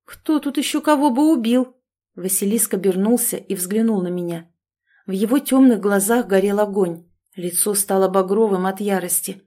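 A woman narrating a story aloud in an even, measured reading. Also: mid-range voice. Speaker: audiobook narrator.

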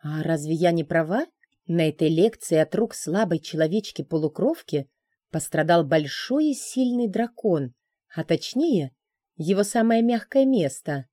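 A defiant young student girl who fires back sharp, indignant retorts, as a woman reading the story puts her on. She speaks higher than the narration around her, in a dry, close recording. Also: lively intonation, unhurried, no room sound. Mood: mocking.

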